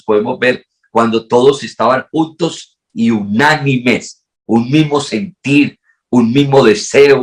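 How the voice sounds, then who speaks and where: A middle-aged man, a pastor preaching a sermon in a repetitive, rising cadence that swells into fervent appeals. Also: mid-range voice.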